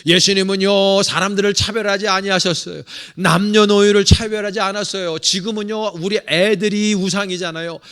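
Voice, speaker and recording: A middle-aged male pastor from South Korea delivers a sermon in a church sanctuary. His voice sits high for a man. He swings between ringing exhortation and sudden hushed asides, and he keeps calling out to the congregation. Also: fairly even intonation, normal speed, hardly any pauses, smooth. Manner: repeatedly addresses the congregation directly.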